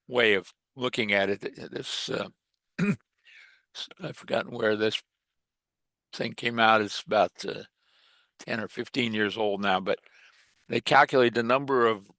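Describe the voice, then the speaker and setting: A man lecturing to a hobby group in a halting way, pausing on fillers and restarting his sentences. His voice is bright and a bit low, and the sound is dry and close. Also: no room sound. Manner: hesitant, many fillers and restarts, clears throat. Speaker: technical presenter. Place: meeting room.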